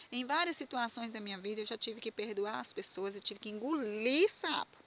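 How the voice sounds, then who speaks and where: Woman, fairly high voice, heartfelt testimony sermon, slight background hiss. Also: a bit bright. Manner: earnest and emotional, with frequent fillers and repetitions. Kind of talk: personal testimony sermon to viewers.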